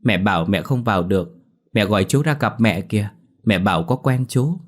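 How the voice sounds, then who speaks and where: A man's voice: on the low side, expressive, brisk. A man voicing a frightened four-year-old boy who pleads through tears in a spoken ghost story. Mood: tearful pleading. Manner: sobbing, pleading.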